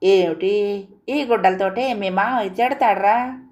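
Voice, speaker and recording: A woman plays a doting old village grandmother in a spoken storybook. She scolds and coaxes slowly, stretching her words. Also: mid-range voice, darkish tone, natural voice. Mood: fussing. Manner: scolding, coaxing.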